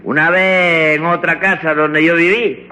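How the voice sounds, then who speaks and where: Tres Patines, a cheeky Cuban rogue. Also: male voice, on the high side, fairly even intonation, a little slow, sharp tone, smooth. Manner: rambling, mangles words, calls everyone "chico". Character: bumbling, cheeky male defendant full of tall tales. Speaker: defendant in a comic courtroom. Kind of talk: vintage radio comedy acting. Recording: dull old radio recording with reverb.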